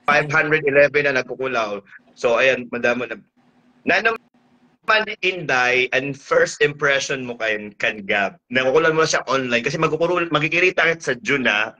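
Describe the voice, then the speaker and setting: Bright-voiced Waray man hosting a live stream. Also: medium pitch, lively intonation, moderate pace, poor audio. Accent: Northern Samar Waray. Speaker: host. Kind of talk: casual live-stream chat.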